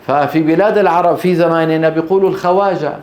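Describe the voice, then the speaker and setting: A man teaching Quranic recitation rules in a classroom lecture. He keeps checking in with the students through quick questions and draws out example words slowly. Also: on the high side, steady tone, a little mellow.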